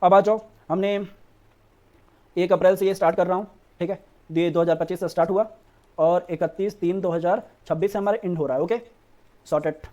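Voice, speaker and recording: A man's voice: high voice, fairly even intonation, fairly quick, pauses often, darkish tone, lo-fi sound. A man teaching an accounts lesson for board exams, coaxing students like a brother and repeating "theek hai" often. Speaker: commerce teacher. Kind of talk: online board-exam lesson.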